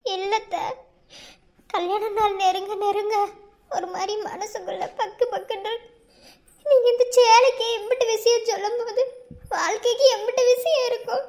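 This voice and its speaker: Cartoon bride-to-be, young, Madurai accent, very high and gentle, tearful, voiced by a woman. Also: steady tone, a little fast. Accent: Madurai Tamil. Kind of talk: cartoon voice acting.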